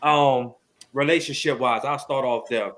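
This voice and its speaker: A man co-hosting a casual podcast discussion, talking in an animated way and pushing his points with rising emphatic questions. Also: medium pitch, unhurried. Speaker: podcast co-host.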